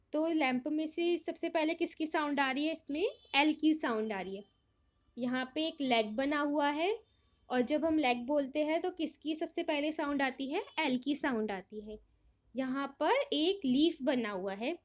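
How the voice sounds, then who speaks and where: A woman teacher explaining a worksheet to young children, reading English lines and then explaining them in Hindi, asking questions and answering them herself. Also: high voice.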